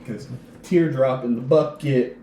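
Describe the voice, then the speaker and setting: A man's voice: medium pitch, measured pace, mellow, slight background noise. A man on a casual sports podcast, teasing and wisecracking at the others' picks. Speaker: podcast co-host. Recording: roomy echo.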